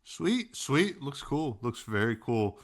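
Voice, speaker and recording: A man's voice: medium pitch, very animated, slow pace. A man co-hosting a casual podcast, talking animatedly with many fillers and acting out quotes. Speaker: podcast co-host.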